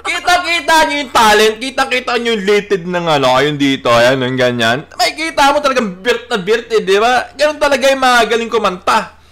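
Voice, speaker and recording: Bright high-voiced chatty man laughing along. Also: sing-song, brisk. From Philippines. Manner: chatty, laughs often, swears casually, fillers like "di ba". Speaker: reaction video host. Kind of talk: casual reaction commentary.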